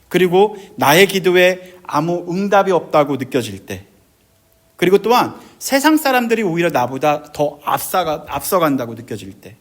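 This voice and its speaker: A middle-aged man pastor preaching a sermon, animated, acting out quoted voices with big jumps in his voice. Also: a little high.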